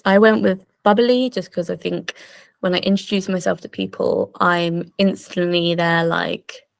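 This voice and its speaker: A woman's voice: fairly low pitch, steady tone, measured pace, vocal fry, no room sound. A young woman presenting an online workshop in a bubbly, chatty way, full of fillers. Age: young adult. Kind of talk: casual online workshop talk.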